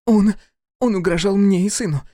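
A man voicing a scheming young noblewoman in an audiobook, in a raised, pleading, shrill voice. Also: normal speed, dark tone, no room sound, studio quality, close to an everyday voice. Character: scheming, desperate young noblewoman, a prince's wife.

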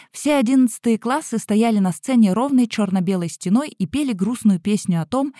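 A woman's voice: medium pitch, dark tone, no room sound, clean studio sound. A woman telling a humorous first-person story about her school work, with wry, ironic asides. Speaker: school event organizer.

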